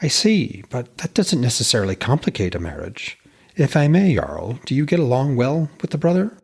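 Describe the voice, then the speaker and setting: Man voicing a husky, eager, respectful smith. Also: medium pitch, sing-song, normal speed, voice pushed up, exaggerated voice. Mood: prying, polite. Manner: deferential, inquisitive, chatty. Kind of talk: dramatised reading of a myth tale.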